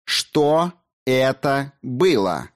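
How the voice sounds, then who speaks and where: A man's voice: medium pitch, big pitch swings, normal speed, voice pushed up, natural voice. A man voicing a defiant young woman who speaks coldly and mockingly in an audiobook. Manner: cold, biting, mocking. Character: defiant scornful young woman, sharp-tongued.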